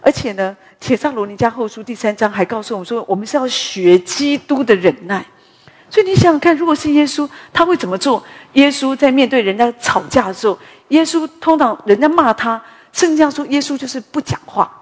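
A woman giving a conversational sermon at a women's prayer meeting, a chatty, animated storyteller who drifts into asides. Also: high voice, fairly quick, husky. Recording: long hall reverb.

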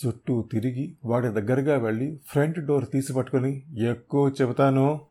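A man reading a novel aloud in first person, in a steady, measured storytelling voice. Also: medium pitch, slightly rough. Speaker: audiobook narrator.

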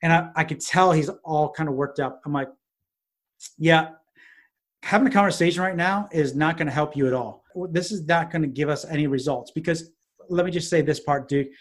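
A man with a fairly high voice, talking as a guest in a casual interview. He tells stories in an animated way and starts sentences over as he goes. His talk is full of fillers. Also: a little fast. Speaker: business consultant guest. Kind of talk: conversational storytelling interview.

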